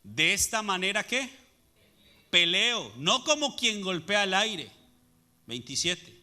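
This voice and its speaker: A man's voice: sits high, big pitch swings, slow pace, bright, forceful tone. A man preaching a sermon as pastor, asking the congregation rhetorical questions and answering them. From Latin America.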